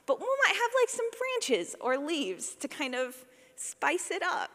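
Her high-pitched voice swings hugely in pitch, a bit bright and a little slow, as this woman, a sound designer, delivers a casual workshop talk. She's wry, playful and self-deprecating, and the room adds long hall reverb.

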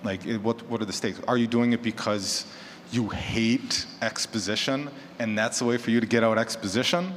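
A fiction podcaster on a conference panel talks informally about his craft, asking rhetorical questions and voicing imagined quotes. His medium-pitched voice has fairly even intonation at a moderate pace. The hall is reverberant, with clear background noise.

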